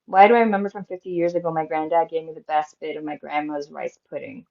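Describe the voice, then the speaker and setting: Animated woman telling a story, lo-fi audio. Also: sits low, fast, vocal fry. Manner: animated, acts out quotes with laughs and many "like" fillers. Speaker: guest medium and healer. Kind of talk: casual storytelling in an interview.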